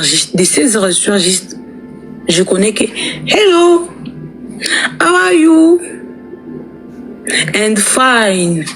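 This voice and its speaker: A woman with a Congolese French accent chatting playfully to followers on a live stream, teasing and repeating words. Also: lowish voice. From Democratic Republic of the Congo. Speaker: livestream host. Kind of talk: casual live chat with followers.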